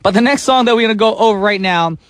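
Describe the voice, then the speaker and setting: Fast-talking and high-voiced, a man runs a radio music show in a studio, speaking into a studio microphone. His upbeat DJ patter is playful and chatty, broken now and then by sung snippets and silly voices.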